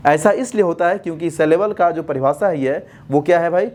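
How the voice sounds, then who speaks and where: A man teaching a basic English grammar class. He asks the class questions and then answers them himself, and he slows right down to dictate when he spells words out. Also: a little high, a little mellow, slight background noise. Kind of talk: classroom-style lesson explanation.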